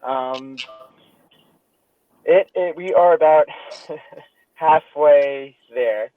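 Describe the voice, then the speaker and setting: A man's voice: fairly high pitch, drawn-out words. A man giving a casual status update while driving, heard over a thin phone line from his car, hesitant and restarting his sentences. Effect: thin phone line from a moving car. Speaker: developer.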